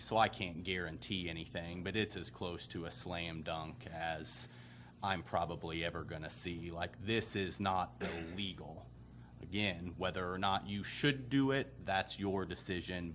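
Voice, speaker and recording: Low-voiced, firm man advising a meeting. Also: a bit bright. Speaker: legal adviser to county commissioners. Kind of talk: formal advice at a public meeting. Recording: clear background room noise.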